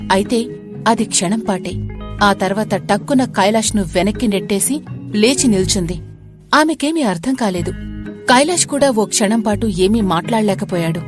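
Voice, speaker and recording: Woman narrating a spooky story. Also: mid-range voice. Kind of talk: scripted narration of a horror romance story.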